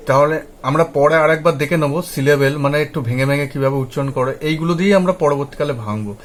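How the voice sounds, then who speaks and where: A man with a Bengali accent teaching English pronunciation, spelling letters slowly and repeating each sound, often checking that his listeners follow. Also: on the high side, slight background noise. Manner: often asks "ঠিক আছে?" to check understanding. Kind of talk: slow spelled-out pronunciation lesson.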